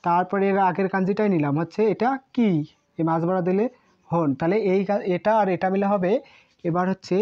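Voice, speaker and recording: Speaking briskly at a fairly low pitch with fairly even intonation, a Japanese teacher walks learners through kanji in Bengali. She is patient and repetitive, drilling every word several times, and the audio is muffled and lo-fi.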